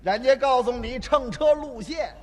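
A man's voice: very high voice, normal speed. A man performing stage crosstalk, playing an indignant passenger who reasons with the conductor. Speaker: crosstalk comedian. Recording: stage recording with long hall reverb.

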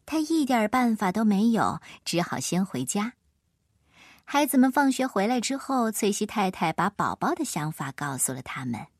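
A woman reading a children's picture book aloud in a lively, expressive way. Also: mid-range voice, moderate pace, no echo, clean studio sound. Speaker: storyteller.

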